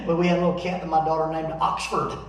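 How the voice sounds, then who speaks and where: A man preaching a sermon in a church, telling stories in a folksy, animated way. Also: on the high side, moderate pace. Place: church sanctuary. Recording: echoey church from far off.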